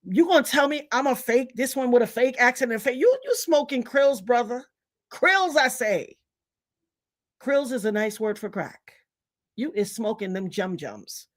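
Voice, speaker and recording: Middle-aged woman, Trinidadian accent, high-pitched livestream host, emphatic and fed up. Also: lively intonation, unhurried. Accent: Trinidadian Caribbean. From Trinidad, raised in Brooklyn. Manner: indignant, emphatic, preachy. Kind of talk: livestream commentary rant.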